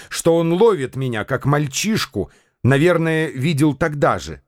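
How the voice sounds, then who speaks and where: Slow, dry-voiced male radio narrator. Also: fairly high pitch, a little mellow, dry recording. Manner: agitated, bursting out in the dialogue. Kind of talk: scripted radio drama narration.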